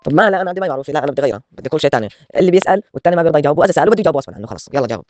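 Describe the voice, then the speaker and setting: A man's voice: on the high side, lively intonation, racing, a little mellow, dry recording. A man, evasive and insistent, in a comedic skit.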